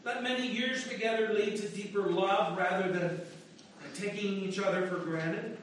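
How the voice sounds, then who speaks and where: A pastor with a fairly high male voice intones prayers in a slow, solemn cadence. His words bloom into a huge cathedral echo, picked up by a mic set far from him. A faint hum of the room sits underneath. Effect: large church echo. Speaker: pastor leading worship. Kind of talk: liturgical prayer and chant. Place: large church sanctuary. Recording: echoey church heard from afar.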